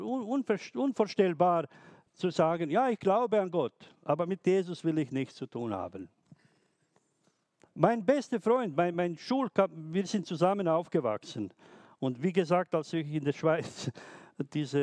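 A man who is not a native speaker, preaching a sermon slowly, with many restarts and hesitations. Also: fairly high pitch, darkish tone, dry recording. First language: not German.

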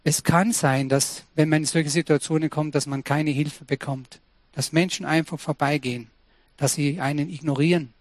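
A man's voice: on the high side, steady tone, normal speed, no room sound. Earnest man preaching a sermon. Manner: earnest, personal, speaks directly to listeners. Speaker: pastor.

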